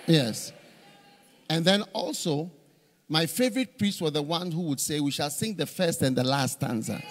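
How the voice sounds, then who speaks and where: A fairly high-pitched middle-aged man preaches at normal speed, using a handheld mic on a large church stage during a conference. His animated stories repeat many phrases, and the reverberant hall recording carries a little hiss or hum.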